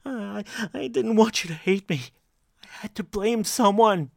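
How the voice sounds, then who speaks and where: A man voicing a guilt-wracked, groveling husband who shrieks out a frantic, desperate confession in a strained, high voice. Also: animated, normal speed, no echo, clean studio sound. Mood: frantic, pleading. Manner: frantic high-pitched shouting.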